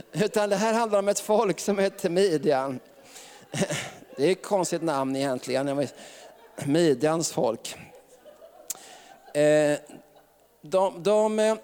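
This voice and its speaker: Chuckling preacher in a reverberant hall. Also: male voice, sits high, a little mellow. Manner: chatty, laughs often, tag questions. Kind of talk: sermon.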